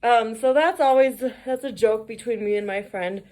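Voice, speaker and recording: A woman's voice: fairly high pitch, normal speed, darkish tone. A woman who works as a mail carrier, telling casual stories for her vlog, swearing, laughing often and acting out the voices of the people she quotes.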